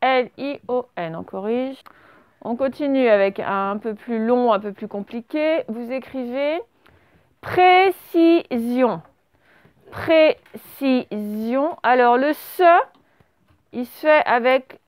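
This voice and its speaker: A primary school teacher leads a classroom dictation, spelling words out letter by letter, quizzing her pupils and praising their answers. Her voice is on the high side, smooth and measured in pace, captured in a dry recording.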